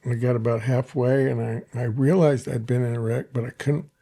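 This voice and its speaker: An older man, a therapist hosting a podcast, talking casually and haltingly, often repeating his words. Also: mid-range voice, fairly even intonation, creaky, warm tone. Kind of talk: casual conversation.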